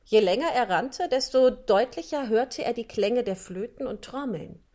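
Higher-voiced woman narrating a storybook. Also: lively intonation, moderate pace, mellow. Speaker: audiobook narrator.

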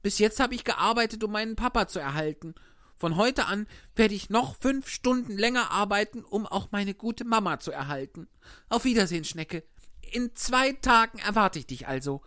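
A woman's voice: medium pitch, lively intonation, normal speed, a bit bright, dry recording, clean studio sound, natural voice. A woman voicing an eager, impulsive wooden puppet boy in a storybook reading, asking questions in a rush. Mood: earnest. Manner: breathless, tumbling questions.

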